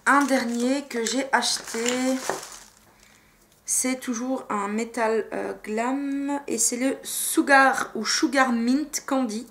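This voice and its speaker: A woman's voice: on the high side, steady tone, takes it slowly, background noise. A woman vlogger chatting casually and enthusiastically about her makeup purchases, with lots of fillers and hesitations. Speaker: beauty vlogger. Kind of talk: casual vlog chat.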